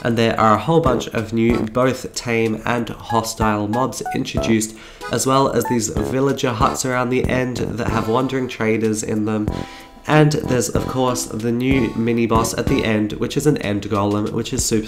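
A man's voice: medium pitch, steady tone, normal speed. A man with a sick-sounding voice hosts a game mod showcase voice-over, upbeat and repeating words for emphasis. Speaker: YouTube host. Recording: guitar music behind voice. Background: guitar background music.

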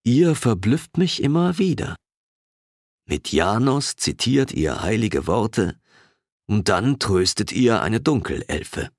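A calm, mysterious wanderer, voiced by a male audiobook narrator, measured and unhurried in every phrase. The voice sits deep and low but moves with lively inflection. The audiobook recording is dry and close, with no room sound. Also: no echo, exaggerated voice. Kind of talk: audiobook character reading.

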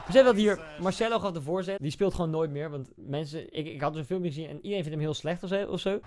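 A young man giving casual, excitable reaction commentary on football goals, swinging between loud outbursts and quiet muttering. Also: on the high side, quick pace, slight background noise.

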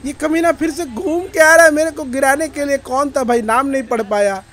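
Young male gaming streamer, very high voice, frantic repetitive outbursts during play. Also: normal speed. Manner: loud frantic outbursts, repeating phrases. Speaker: gaming YouTuber. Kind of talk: excited Hindi gameplay commentary.

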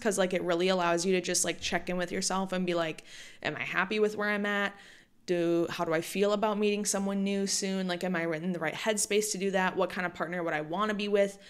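A smooth, medium-pitched woman's voice belongs to a solo podcast host in her late twenties. Casual and talkative, she says "like" a lot.

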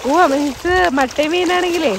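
A woman vlogger chatting casually outdoors by a fish pond, giving quick instructions. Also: extremely high pitch, noisy background. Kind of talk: casual family vlog chat.

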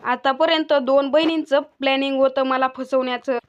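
A woman voicing a furious, suspicious young husband in a retold TV serial, read in a flat way. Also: sits high, moderate pace, lightly acted. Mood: angry. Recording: dull lo-fi recording.

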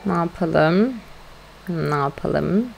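Over music, a woman gaming streamer talks slowly in a low, creaky voice during a casual live-stream. While playing, she exclaims, coos at her pets, and speaks with her viewers.

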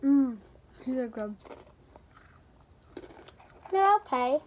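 A woman's voice: high-pitched, animated, very slow, a little mellow, lo-fi sound, slight background noise. A young girl talking with her mouth full while chewing snacks in a casual taste-test video.

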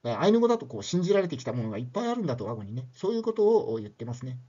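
A man's voice: mid-range voice, very animated, very fast, warm tone, highs cut off. An older man giving a casual spoken lecture, chatty and loose, with many tag questions and fillers.

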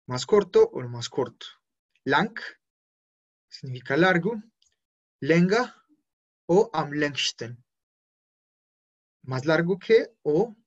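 Man teaching German online, lo-fi audio. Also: a little high. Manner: explains slowly, spells out endings, self-corrects. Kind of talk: online class with live chat.

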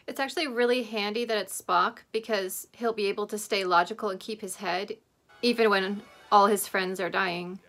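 The host, a woman in her thirties, talks at normal speed in a mid-range, fairly bright voice with fairly even intonation. She casually remarks on the show while watching, the episode's soundtrack in the background.

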